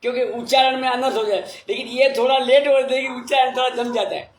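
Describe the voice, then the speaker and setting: Meditation teacher, man, high voice, humble and apologetic, echoey room with faint hiss. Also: steady tone. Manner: slow letter-by-letter spelling, repeated thanks. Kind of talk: casual talk reading viewer comments.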